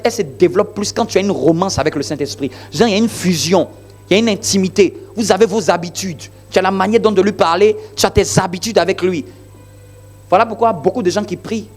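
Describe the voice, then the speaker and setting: A man's voice: fairly high pitch, darkish tone. A male pastor delivering a sermon in an emphatic, repetitive preaching style full of rhetorical questions.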